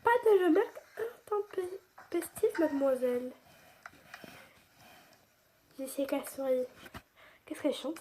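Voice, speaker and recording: A woman's voice: high voice, a little mellow. A woman reading a first-person story aloud, chatty, with restarts and asides.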